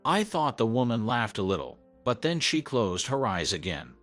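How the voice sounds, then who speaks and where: A man's voice: medium pitch, sing-song, moderate pace. A man narrating a first-person story in an earnest, scripted way. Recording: soft background music.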